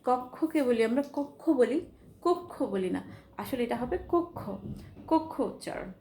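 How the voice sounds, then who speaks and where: A woman teacher giving a pronunciation lesson, patiently repeating each example word slowly. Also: a little high, animated, dark tone. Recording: echoey room with faint ambient noise.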